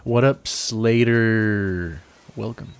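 A young man does casual game commentary for a stream. His voice is fairly low and his delivery is laid-back and rambling, as if chatting to viewers while he plays. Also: very slow, clean tone. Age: young adult. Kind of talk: casual let's play commentary, some dialogue read aloud.

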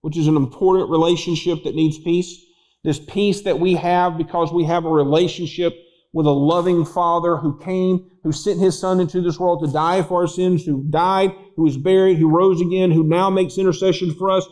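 A man's voice: high-pitched, fairly even intonation, moderate pace, a little mellow, rough recording. A man preaching a sermon as pastor, telling stories and acting out voices in them. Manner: storytelling, acts out voices in anecdotes. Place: church.

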